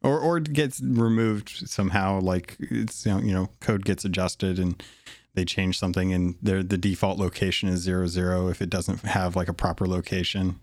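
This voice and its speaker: Deep-voiced male podcast host. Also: steady tone, moderate pace, a little mellow, dry recording, studio quality. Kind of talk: casual gaming podcast chat.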